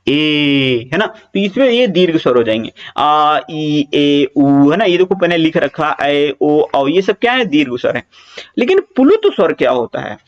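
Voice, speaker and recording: A man's voice: high voice, lo-fi sound. A man teaching an exam-prep Hindi grammar lecture, explaining patiently, repeating key points and drawing out example vowel sounds, with casual reassuring asides.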